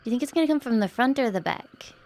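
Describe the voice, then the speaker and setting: A woman's voice: a little high, expressive, fast talker, darkish tone. A woman livestreaming a horror game as a scared, jumpy streamer, chatting to viewers and exclaiming as she plays. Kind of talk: horror game livestream chat, reacting while playing.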